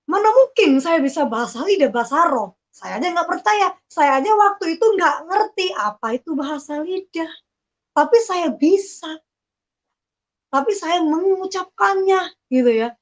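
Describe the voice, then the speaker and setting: A woman telling her personal faith testimony, slowly and emotionally, with many halting restarts. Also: sits high, low-quality recording. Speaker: testimony speaker.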